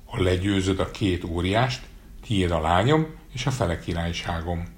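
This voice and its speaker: A man's voice: low-pitched, animated. A man voicing a scheming, cautious king in a storybook, formal and persuasive.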